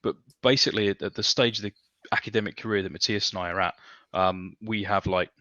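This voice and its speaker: A British man in his thirties chatting casually as a podcast guest, animated and self-deprecating. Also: fairly low pitch, fast talker, no room sound, lo-fi sound. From Coventry, England. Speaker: podcast guest, academic researcher. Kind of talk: casual, chatty interview answers. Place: home room, video call.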